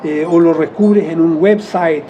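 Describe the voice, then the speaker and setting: Mellow Chilean man musing at length. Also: a little high, steady tone, unhurried, muffled recording, slight background noise. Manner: rambling, self-correcting, with soft chuckles. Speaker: interviewee. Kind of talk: reflective conversational explanation.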